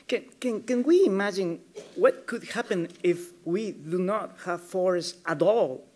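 A man asking questions as interviewer, halting and repeating words as he starts. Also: sits high, animated, a little mellow.

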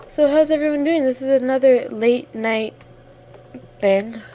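Young woman chatting through gameplay, slow. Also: sits high, mellow, a little hiss or hum. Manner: chatty, easily flustered, sniffling. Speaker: gamer. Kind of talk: casual gameplay commentary.

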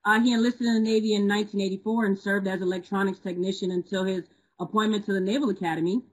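A woman's voice: mid-range voice, steady tone, quick pace, husky, rough recording. A woman moderating an online event, reading out speaker introductions with frequent hesitations. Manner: reads bios with frequent hesitations.

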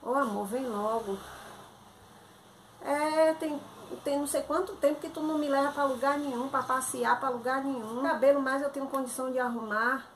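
In an echoey space full of loud background noise, a woman with a high voice and moderate pace plays out a one-sided phone sketch for comedy. As a content creator, she comes across as chatty, pleading, and fed up.

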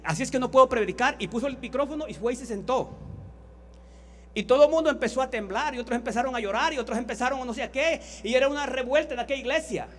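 A man preaching a sermon in a Honduran accent, telling anecdotes and repeating phrases for emphasis. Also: extremely high pitch. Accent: Honduran Spanish.

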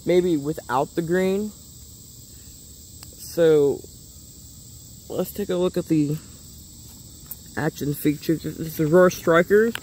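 Male toy reviewer, somewhat high voice, plain-spoken and meandering. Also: takes it slowly, pauses often, darkish tone, a little hiss or hum. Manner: rambling, stops and restarts often; plain-spoken, drops a curse casually. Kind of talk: casual hands-on toy review.

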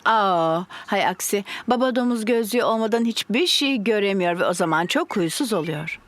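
A woman voicing a kindly, sensible, gently teasing mother pig in a children's cartoon dub. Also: mid-range voice, lively intonation, moderate pace, natural voice. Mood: kindly, concerned.

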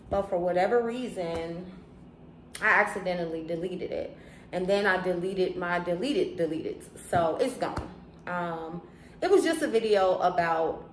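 An American woman with a slightly low voice talks casually, like a vlogger to her viewers. Her s sounds lisp and whistle through braces. The sound is roomy and echoey, with faint noise behind her. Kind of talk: casual chat to camera. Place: living room, indoors on a sofa. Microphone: camera a short distance away.

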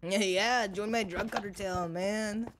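A woman's voice: mid-range voice, fairly even intonation, takes it slowly, background noise. A woman giving casual, goofy, rambling commentary while playing a video game. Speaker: gaming video host. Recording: game music behind.

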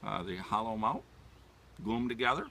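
A man in his sixties giving an informal, halting demonstration as a hunting instructor, explaining things step by step. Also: lowish voice, big pitch swings, creaky, very noisy. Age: 60s. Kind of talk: informal outdoor demonstration talk. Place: outdoors in leafy woodland. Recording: distant mic outdoors, natural background sounds.

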